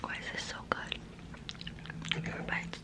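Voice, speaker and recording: Very near the mic in a small indoor bedroom, a twenty-something ASMR creator performs a whispered roleplay. Her breathy, largely unvoiced whisper is soft and halting as she repeats words slowly.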